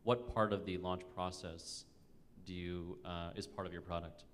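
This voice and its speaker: A low-pitched man asks direct, spontaneous questions as a competition judge. His voice carries long reverb from a large hall. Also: level tone, moderate pace, a little hiss or hum.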